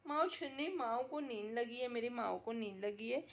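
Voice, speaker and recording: A woman with a somewhat high voice records a casual vlog at home late at night. She coos in doting baby talk to her pet. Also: normal speed. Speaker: vlogger.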